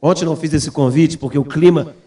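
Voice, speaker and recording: A man's voice: on the high side, brisk, mellow. A middle-aged man, a missionary, preaching a sermon as a testimony, acting out the voices in his story and building to a fervent appeal. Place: church.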